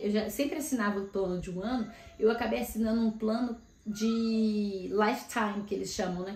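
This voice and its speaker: A woman's voice: medium pitch, darkish tone. A woman from Brazil in her thirties, a career mentor talking casually to camera and thinking aloud with lots of filler words. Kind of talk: casual vlog talk to camera. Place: home room in Australia. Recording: echoey room.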